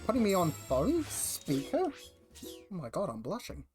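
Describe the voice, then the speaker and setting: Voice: mid-range voice, huge pitch swings, a little slow, a little mellow. Broad New Zealand accent, sex-ambiguous streamer voice. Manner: slangy, rambling, self-interrupting. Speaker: game livestreamer. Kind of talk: casual chat while gaming. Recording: music behind the voice. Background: music.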